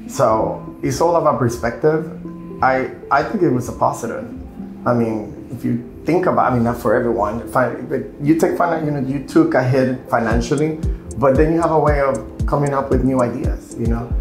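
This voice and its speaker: A Puerto Rican hairstylist in his thirties chats casually on camera, rambling and searching for words in a mid-range voice at normal speed. The sound is roomy, with music playing behind him.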